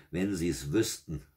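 A man reading aloud and voicing the devil in a fairy tale, a gruff, short-tempered male with a slow, mocking drawl. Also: deep voice, darkish tone, heavily acted.

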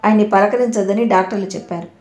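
A woman voicing a young granddaughter who speaks gently and tactfully, in a roomy echo. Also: mid-range voice, steady tone, very fast, lightly acted. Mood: gentle.

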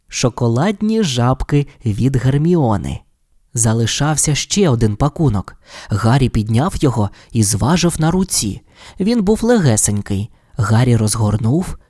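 A storyteller reading a children's storybook aloud in an expressive, lively manner. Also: mid-range voice, dry recording, clean studio sound. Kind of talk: audiobook storybook narration.

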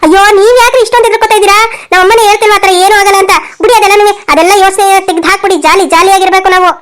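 Voiced by a woman, a bossy young married daughter from a cartoon talks in a brash, dismissive way. Her voice is very high and her delivery is rapid. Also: fairly even intonation, fairly bright tone.

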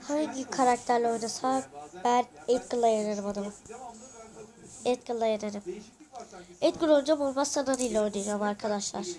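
A host giving live gameplay commentary to viewers, excitable and crying out when losing, asking for likes and subscribes. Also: medium pitch. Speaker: gaming channel host.

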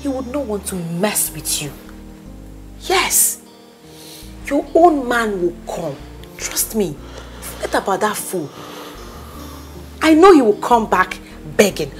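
Over music, the Nigerian-accented actress speaks slowly at mid-range pitch, pausing often but staying very animated. She plays a bossy, loyal young friend in a naturalistic drama, using Pidgin slang with emphatic, firm, consoling delivery.

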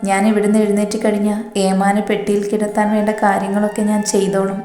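A woman's voice: mid-range voice, monotone, fast talker, dark tone, close to an everyday voice. A woman voicing a cocky young husband, tender with his wife and swaggering toward his enemies. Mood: defiant. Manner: teasing, swaggering. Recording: roomy echo, faint music.

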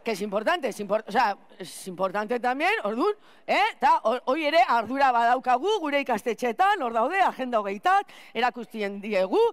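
A woman playing a scatterbrained, chatty school cleaner in a clown stage monologue, rambling with restarts and loud outbursts. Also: a little high, lively intonation, moderate pace, lightly acted. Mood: exasperated rambling. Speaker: clown performer.

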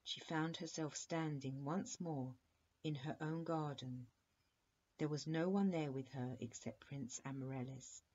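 A woman reads a children's bedtime story in a low, husky voice. She takes her time, keeping the pace slow and steady. The recording is dull and lo-fi. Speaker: storybook reader.

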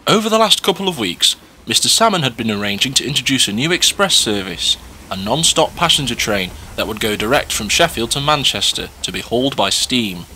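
A man's voice: medium pitch, very animated, brisk, bright, forceful tone, a little hiss or hum, poor audio. A man reading scripted story narration as the narrator.

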